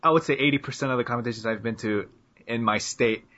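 A man's voice: mid-range voice, fast talker, a bit bright. A man from the southern United States hosting a casual podcast chat, teasing his guests and joking around. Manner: jokey, teasing, swears and laughs often. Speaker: podcast host. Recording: muffled lo-fi audio.

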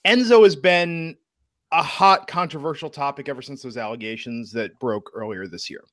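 On a clean, echo-free studio recording, a male podcast co-host chats casually and animatedly about wrestling news. His mid-range voice is a bit bright, and he speaks at a normal speed.

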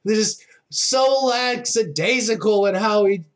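Big moves draw exclamations from this excitable wrestling commentator, whose reactions sound informal and fan-like. He has a high voice and calls the action in an unhurried way.

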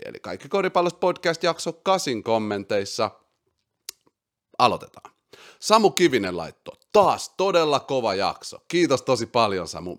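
Excitable man hosting a podcast. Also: on the low side. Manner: excitable, swings loud and quiet; mixes English slang into speech. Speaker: podcast host. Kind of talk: casual basketball chat.

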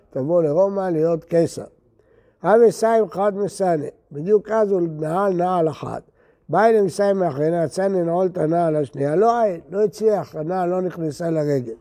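Older rabbi with a mellow voice. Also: male voice, high voice. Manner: chants the Aramaic text, then explains it plainly. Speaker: rabbi teaching Talmud. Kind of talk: Talmud lesson, reading Aramaic and explaining in Hebrew.

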